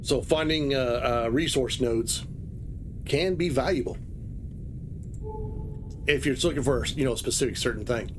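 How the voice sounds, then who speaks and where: A man's voice: medium pitch, measured pace, pauses often, background noise. A man streaming a game live, talking casually and rambling through his explanations, with plenty of fillers. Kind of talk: live gameplay commentary.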